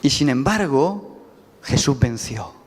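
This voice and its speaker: Emphatic Spanish preacher in a reverberant church. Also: male voice, medium pitch, very animated, slow, slight background noise. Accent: Spanish from Spain. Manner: emphatic, asks the congregation rhetorical questions. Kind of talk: sermon. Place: church sanctuary. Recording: reverberant church hall with faint music.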